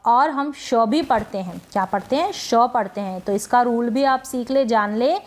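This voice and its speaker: A woman's voice: fairly high pitch, darkish tone. A woman teaching English pronunciation as a lesson, explaining rules and asking and answering her own questions. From India. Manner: slow, careful spelling-out of sounds.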